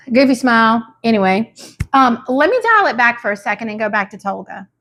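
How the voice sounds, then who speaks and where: High-voiced chatty woman recapping TV. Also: normal speed. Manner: animated, mimics people in quotes, frequent "like". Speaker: reality show recap host. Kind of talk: casual chat.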